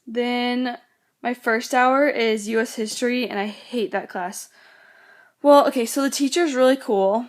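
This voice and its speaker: A teenage girl vlogger with a fairly high voice and fairly even intonation talks a little slowly in a casual chat. She rambles, says "like" a lot, and quotes other people. She's getting over a cold, so her voice keeps going in and out.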